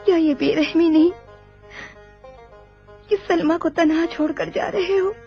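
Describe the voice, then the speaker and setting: Brief: emotional young woman, high, faint music, lo-fi. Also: fairly even intonation, unhurried. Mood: reproachful. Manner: pleading, accusing. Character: reproachful young woman pleading with a departing man. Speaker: voice actor in a film dub. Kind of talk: dubbed film acting.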